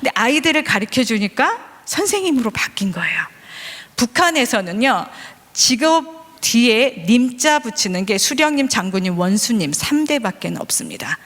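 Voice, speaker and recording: A woman's voice: a little high, very animated, normal speed, fairly bright tone. A woman in her forties preaching a sermon, telling stories with humor and joking with her congregation. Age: 40s. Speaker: preacher, vice principal. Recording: long hall reverb.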